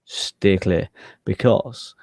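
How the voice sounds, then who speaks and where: A low-voiced man co-hosts a casual gaming podcast. He answers in short, easygoing lines. The sound is dry and close to the mic. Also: very slow, a little mellow, no room sound. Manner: laid-back, brief replies. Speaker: podcast co-host.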